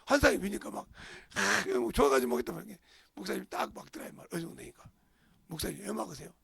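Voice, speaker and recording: Gravelly husky korean pastor guy preaching, acts out voices, bursts into shouts. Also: high-pitched, big pitch swings, very fast, dry recording. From South Korea. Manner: storytelling sermon, acting out quoted voices, sudden shouts. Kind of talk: sermon.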